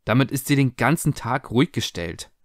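A man's voice: medium pitch, expressive, normal speed, no echo, clean studio sound, lightly acted. A man voicing a middle-aged mother who speaks in a soothing, justifying way, in a spoken storybook reading. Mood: defensive. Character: defensive middle-aged mother, calm but guarded.

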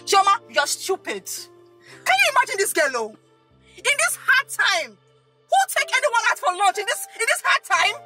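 In a comedy skit over music, a woman plays a hot-tempered Nigerian woman proud of her money, scolding in loud, indignant, repeated phrases with a Nigerian accent. Her voice is extremely high and sing-song at a normal speed, full of loud outrage.

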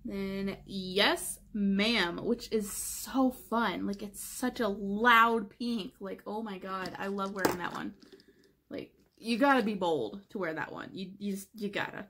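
A woman's voice: mid-range voice, takes it slowly. Chatty young woman showing her makeup. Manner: chatty, lots of "like" fillers, drops into soft asides. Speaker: beauty vlogger. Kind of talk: casual makeup collection walkthrough.

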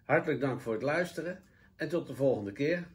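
Calm man reading a children's story. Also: mid-range voice, brisk. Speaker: care worker reading aloud.

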